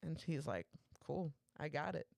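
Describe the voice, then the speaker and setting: A woman's voice: low voice, sing-song, unhurried, vocal fry, darkish tone, no room sound, clean studio sound. A young woman co-hosting a podcast, telling a work story in casual chat, laughing often and swearing freely. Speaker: podcast co-host.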